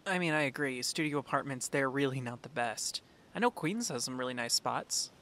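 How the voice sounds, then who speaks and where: Man playing Spider-Man, earnest bright-voiced young hero. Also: mid-range voice, lively intonation, fairly quick. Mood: earnest, tender. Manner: hesitant, earnest, affectionate. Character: earnest young male superhero, devoted boyfriend. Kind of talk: ASMR roleplay acting.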